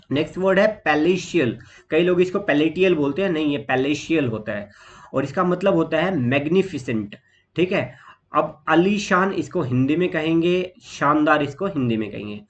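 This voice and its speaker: A man with an Indian accent teaching exam vocabulary in a steady explanatory lesson, listing words and pausing on fillers. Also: a little high, muffled recording.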